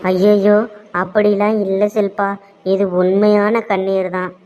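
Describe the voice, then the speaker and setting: A woman's voice: mid-range voice, level tone, unhurried, darkish tone, natural voice. A woman voicing a remorseful young man in a cartoon, pleading in a theatrical way, with a Tirunelveli Tamil accent. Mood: reassuring. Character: remorseful young man, scheming, wavering son. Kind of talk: cartoon voice acting. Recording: dull lo-fi sound.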